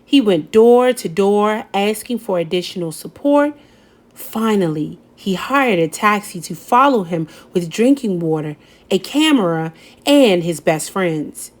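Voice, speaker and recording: A woman reading a children's picture book aloud, gentle and expressive, lifting her voice on key words. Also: mid-range voice, measured pace. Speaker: storybook reader. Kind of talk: children's read-aloud narration.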